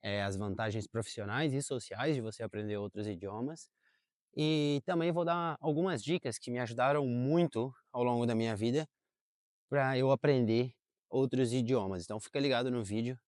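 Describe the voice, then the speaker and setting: His voice is mid-range with a darkish tone at normal speed, recorded clean as studio sound with no room sound. He is a young adult Portuguese-speaking vlogger talking casually to camera in a park. His delivery is chatty and self-correcting, with plenty of fillers.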